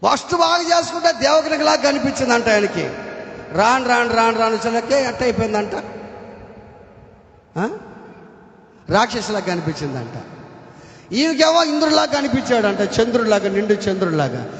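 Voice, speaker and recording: Pastor guy preaching hard, repeats himself, shouts now and then, long church reverb. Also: very high voice, animated, moderate pace, long pauses. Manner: emphatic preaching, repeats phrases, bursts into shouting. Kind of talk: sermon. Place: church hall. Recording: echoey hall with long reverb.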